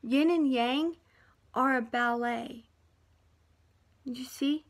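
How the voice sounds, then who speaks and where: A woman giving a rambling, emotional monologue to her viewers from a half-unpacked house, sometimes dropping to a soft hush. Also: high voice, drawn-out words.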